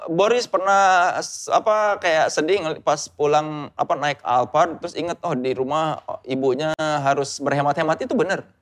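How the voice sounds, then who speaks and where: A man's voice: a little high, normal speed, hardly any pauses. A man in a casual chat, asking probing, joking questions.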